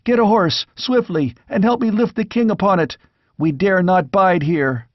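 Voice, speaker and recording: Here a storybook reader gives voice to a desperate young squire shouting out the battle before him, high-pitched and breathless, urgent and frantic, much higher than the man's own voice. The delivery runs a little slow. Recorded dry and close with no echo, the sound is dull and lo-fi.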